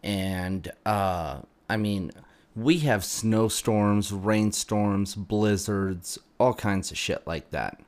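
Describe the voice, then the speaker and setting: A man's voice: lowish voice, extremely slow, a little mellow. A man from Utah in casual chat, joking bluntly and swearing often. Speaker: podcast guest, bartender.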